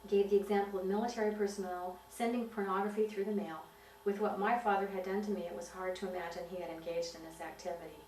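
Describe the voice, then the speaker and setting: A woman giving personal testimony, telling her story in an earnest, halting way. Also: mid-range voice, a little mellow. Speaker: witness giving filmed testimony. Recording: roomy, distant mic with faint hiss.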